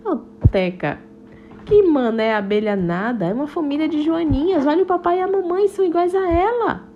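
A woman's voice: high-pitched, expressive, normal speed, muffled recording, a little hiss or hum, voice pushed up. A woman voicing a clever young male bee who grows suspicious and questions and teases the others. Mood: triumphant. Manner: questioning, teasing, triumphant.

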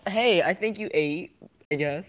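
Low-voiced giggly young woman. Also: unhurried, dull audio. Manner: giggly, bubbly, gushes. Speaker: question asker. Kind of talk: casual chat. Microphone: online voice chat.

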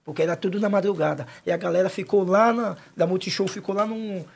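Storyteller, gravelly and husky, easygoing. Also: medium pitch, steady tone, quick pace. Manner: agreeable, chimes in often. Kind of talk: casual chat, storytelling.

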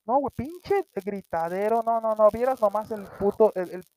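High-voiced Mexican man telling a wild story. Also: normal speed, no echo. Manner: slangy, animated, acts out quotes with sudden shrieks. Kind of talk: casual comedic storytelling. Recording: dry, dull lo-fi sound.

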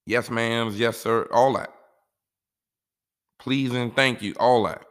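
A man's voice: mid-range voice, fairly even intonation, slow, smooth. A man talking casually and giving life advice in a laid-back, rambling way, often saying "you know".

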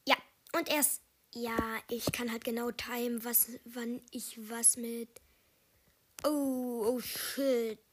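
High-voiced excitable woman gaming. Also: slow pace, husky. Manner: excitable, bursts into loud exclamations, mixes in English gamer slang. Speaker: gaming video host. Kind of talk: live gameplay commentary.

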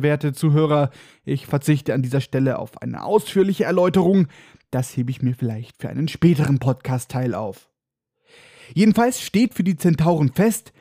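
A man hosts a casual book podcast, recapping chapters with sarcastic, irreverent, mock-dramatic asides. His voice is on the high side and warm, captured in clean studio sound with no echo.

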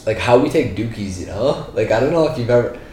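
Animated and fast-talking, this medium-pitched, slightly mellow man keeps up a rambling, slangy chat thick with "yo" and "bro." He's in his 20s, born in India and raised in Brampton, Canada, in a Punjabi-speaking household. Faint background noise and a roomy echo run through the recording.

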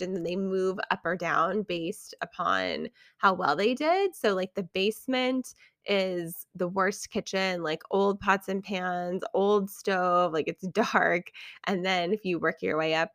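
Chatty woman with a gravelly edge. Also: medium pitch, a bit bright, no echo, studio quality. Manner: chatty, many fillers and restarts. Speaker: podcast host. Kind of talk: casual podcast recommendations.

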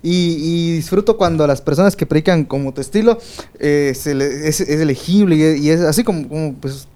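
A man with a soft, boyish voice that sits fairly high for a man. He chats casually in a small home studio, circling his points with fillers and breaking into laughs. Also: brisk. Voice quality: light, boyish voice. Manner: laughs often, rambling with many fillers. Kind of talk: casual chat.

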